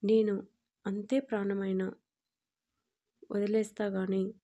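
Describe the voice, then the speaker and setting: Earnest, pleading young wife, voiced by a woman storyteller; mellow, flat delivery in an audio story. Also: mid-range voice, slow pace, muffled recording. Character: emotional, loving young wife.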